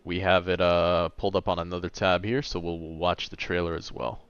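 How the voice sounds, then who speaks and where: A man's voice: low voice, little pitch movement, a little fast, a bit bright, clean tone, dry recording, dull audio. A man in his late twenties chatting casually on a gaming livestream, laid-back and a bit tired, rambling as he answers chat. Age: late 20s.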